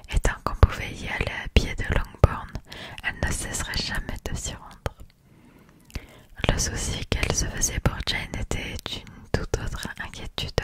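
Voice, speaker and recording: A reader whispering a classic novel in a soft, unvoiced ASMR style, as a scripted literary narration.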